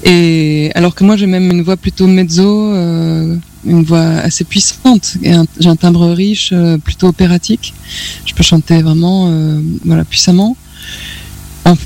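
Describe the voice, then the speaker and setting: A woman singer as a guest in a radio studio interview, talking reflectively and hesitantly, pausing often to find her words. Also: fairly low pitch, steady tone, warm tone. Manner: reflective, hesitant with many pauses and fillers.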